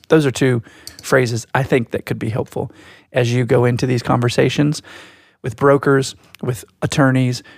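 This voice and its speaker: A man co-hosting a podcast, talking in a reflective, storytelling way, slow and deliberate. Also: medium pitch, creaky, no echo, studio quality. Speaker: podcast co-host. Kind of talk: casual podcast chat.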